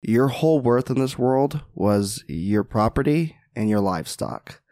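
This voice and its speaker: A man who is a podcast guest and mindset mentor, telling a parable in an animated, casual way and often asking "right?". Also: medium pitch, a little slow, no echo, studio quality. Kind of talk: casual storytelling.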